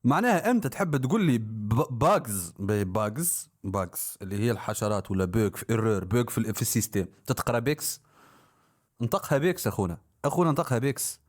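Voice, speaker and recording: A man giving live-stream reaction commentary on a rap song, talking in excitable, repetitive bursts with mock-exasperated exclamations. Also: lowish voice, quick pace.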